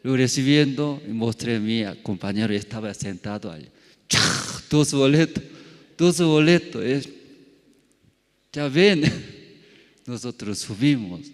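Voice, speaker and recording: A man preaching a Sunday sermon at a very unhurried pace. His plainly worded, learner-like phrasing swells into loud, emphatic lines and then falls back to near quiet. Long reverb from a church hall trails every phrase. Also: medium pitch. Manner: simple, non-native Spanish grammar. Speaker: pastor. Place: church service.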